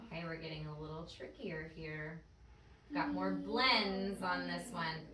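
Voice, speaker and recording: A woman's voice: on the low side, steady tone, measured pace, bright, forceful tone, a little hiss or hum. A woman teacher leading a phonics lesson with a child in a classroom, patient and encouraging. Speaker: first-grade teacher. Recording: echoey classroom audio from far off.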